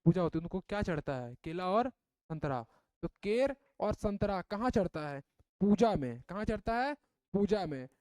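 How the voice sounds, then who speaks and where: A man's voice: high-pitched, big pitch swings, normal speed, a little mellow, dry recording. A man teaching a class, drilling memory tricks with lots of repetition and call-and-response questions.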